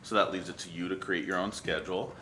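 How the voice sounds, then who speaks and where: A man with a very low voice and a bright, forceful edge walks a commission through its scheduling rules. He talks in a measured way, pausing on frequent ums. Faint noise hums under the recording. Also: fairly even intonation. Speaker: city staff member. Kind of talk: explaining procedure at a public meeting.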